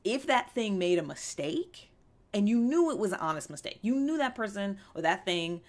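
A vlog host in her thirties speaks at a medium pitch and normal speed, her voice making big pitch swings. Sitting in a small indoor room with a fabric backdrop, she gives a candid self-help talk to camera, earnest and emphatic in a conversational way, with frequent check-in questions.

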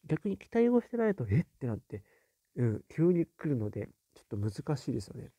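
A man hosting a casual live stream, reading viewer comments aloud and musing on them with soft little fillers. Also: mid-range voice, sing-song, fairly quick, breathy edge, no room sound.

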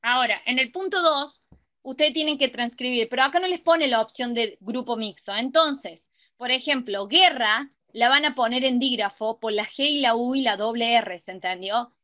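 A woman tutors a grammar class, her voice high and bright. She moves through examples step by step and keeps checking that her students are following. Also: moderate pace. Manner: checks understanding with frequent ¿sí? and ¿estamos?.

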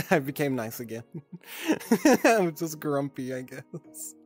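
Young woman, twenties, streamer, casual chat, slow drawl, giggly, swears, faint music behind. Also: sits low, very animated, a little mellow. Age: 20s. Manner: laid-back, giggly, swears freely.

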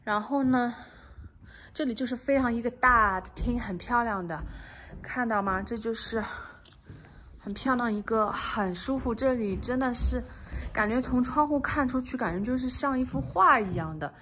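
During a casual walkthrough of a house under construction, a woman real estate agent holds a phone camera and mixes English terms into her chatter. Her voice is a little high at a moderate pace and sometimes drops to a soft, near-whispered tone. Slight background noise can be heard.

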